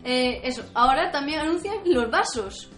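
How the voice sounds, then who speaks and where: A woman co-hosting a casual comedy podcast, telling animated, crude stories. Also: high voice, normal speed. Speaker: podcast co-host. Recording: echoey room with music.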